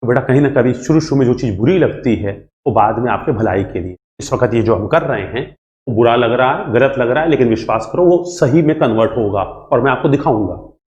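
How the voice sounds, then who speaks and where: A man teaching an engineering exam class in a lively, repetitive way, acting out student questions and answering them himself. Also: mid-range voice, a little fast, dull audio. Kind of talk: classroom lecture. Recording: echoey room.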